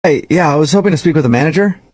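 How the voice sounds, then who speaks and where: A man making a prank call with an earnest, matter-of-fact deadpan. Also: fairly high pitch, rapid-fire, very noisy. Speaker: prank caller.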